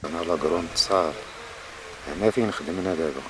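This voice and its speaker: Low, fast-talking Moroccan man, explaining. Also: a little hiss or hum. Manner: mixes French words into his talk. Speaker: local caving guide. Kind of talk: informal explaining to a visitor.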